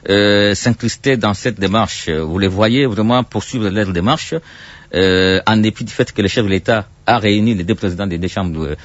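A man's voice: fairly low pitch, moderate pace, dry recording. A man hosts a live radio call-in, phrasing hesitantly with frequent tag questions. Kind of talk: live interview and call-in hosting. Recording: dull, dry radio sound.

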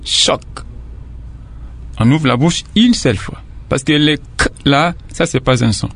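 A man's voice: fairly high pitch, normal speed. A man teaching a lesson, patiently repeating and sounding out syllables one by one. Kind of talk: classroom lesson explanation.

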